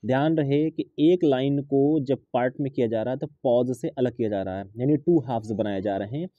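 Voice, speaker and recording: A man's voice: medium pitch, no echo, narrow, tinny audio. A man teaching a literature lesson, reading English lines aloud and then explaining them step by step with fillers. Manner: reads English text slowly, then explains it in Hindi with fillers.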